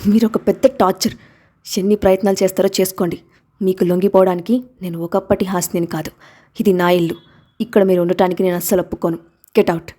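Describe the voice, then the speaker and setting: A woman's voice: fairly low pitch, fairly even intonation, fast talker, warm tone, natural voice. A woman voicing a stubborn, proud young mother who speaks sharply and reproachfully. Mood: defiant.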